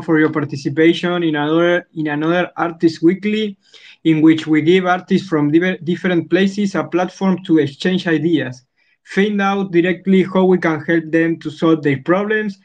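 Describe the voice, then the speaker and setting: A man with a somewhat high voice hosts an online talk, eager and a little halting, often repeating himself. The sound is dull and lo-fi, like a web call. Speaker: host. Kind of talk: hosting an online audio talk.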